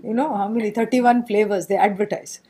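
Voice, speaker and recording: A woman with an Indian accent and a husky, mid-range voice gives an informal scripture lecture as a spiritual teacher, speaking briskly. She tells stories animatedly, with playful humour and lots of rhetorical questions.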